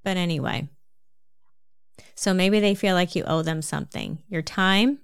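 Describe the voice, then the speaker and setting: A woman with a New Jersey accent giving a calm, measured self-help talk, explaining things step by step. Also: on the low side, gravelly, smooth, no room sound, clean studio sound.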